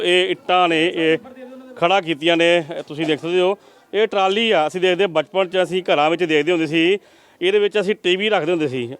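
Fast-talking earnest field reporter. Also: male voice, on the high side, fairly bright tone, clean tone. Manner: earnest, pleading appeals to viewers.

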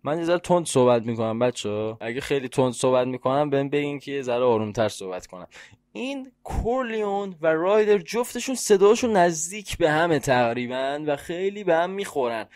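A man from Iran hosting a reaction video, talking excitedly to his viewers and guessing aloud. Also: a little high, no room sound, clean studio sound. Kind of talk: casual reaction commentary. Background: hip hop track playing.

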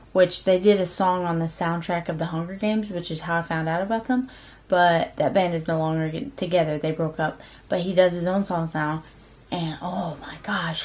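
A woman in her thirties vlogging at home at night, chatting fast and excitedly with frequent laughs. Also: on the low side. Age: 30s. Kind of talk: casual vlog chat.

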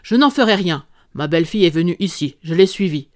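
A reader voicing a huge, furious old country doctor who shouts threats in an audiobook. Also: medium pitch, expressive, racing, clean tone, dry recording, clean studio sound, lightly acted. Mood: furious, menacing. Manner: loud, threatening, blustering. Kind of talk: audiobook character reading.

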